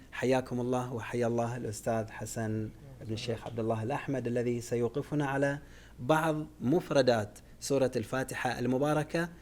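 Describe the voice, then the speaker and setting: A man with a Gulf Arabic accent presents the program in rapid, formal speech. He pauses on short hesitant fillers and adds brief remarks to the teacher. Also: medium pitch, darkish tone. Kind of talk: formal introduction and brief interjections.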